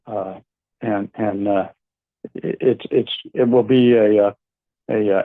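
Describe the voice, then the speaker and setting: A man's voice: fairly low pitch, no room sound. Older man on buzzy phone audio. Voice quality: halting, many fillers and restarts. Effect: buzzy phone call audio. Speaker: county commissioner guest. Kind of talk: call-in radio interview. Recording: tinny dry phone line.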